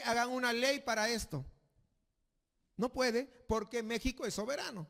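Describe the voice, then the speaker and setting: Male pastor, high voice, emphatic sermon delivery, long hall reverb. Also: a bit bright. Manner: emphatic preaching, slows for reading scripture aloud.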